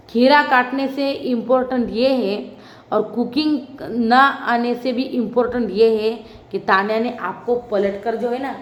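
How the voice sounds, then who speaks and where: A woman giving a casual, opinionated spoken review of a reality show, talking straight to her viewers. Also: a little high. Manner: chatty, opinionated, addresses viewers directly. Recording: roomy, slightly dull recording.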